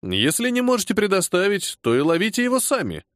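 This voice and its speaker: A man's voice: high-pitched, wildly swooping pitch, a little fast, a bit bright, no echo, studio quality, voice pushed up, full character voice. A man voicing a hot-tempered major in his forties who speaks in clipped, caustic tones while holding back anger. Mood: restrained anger. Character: angry disciplined male major, forty-two, hot-tempered.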